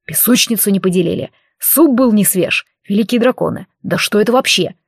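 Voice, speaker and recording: A woman voicing a big, hot-headed male half-dragon who booms and grumbles in an audiobook. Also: brisk, slightly rough, dry recording, clean studio sound. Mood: baffled. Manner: booming, exasperated.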